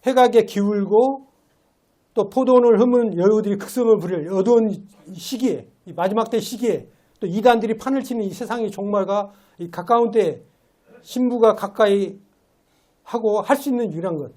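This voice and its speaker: High-voiced man preaching a chatty sermon. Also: normal speed, dark tone. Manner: conversational, asks rhetorical questions. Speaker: lay preacher. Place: church sanctuary.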